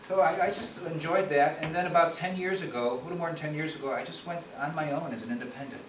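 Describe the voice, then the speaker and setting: With a voice on the high side and a quick pace, a middle-aged policy researcher from the Chicago area gives a chatty slide talk at a conference meeting room. He often restarts and repeats words. The sound is noisy and echoey, recorded from a distance.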